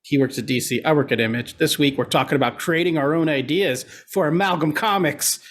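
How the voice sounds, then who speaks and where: A man with a nasal voice co-hosting a casual podcast, relaxed and chatty with lots of fillers. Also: a little high, fairly quick. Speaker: podcast co-host.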